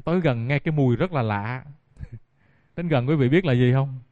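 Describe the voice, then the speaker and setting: A Buddhist monk gives a dharma talk, telling stories and speaking directly to his listeners. His voice is mid-range and a little mellow, at a normal speed, in a dull, dry, lo-fi recording.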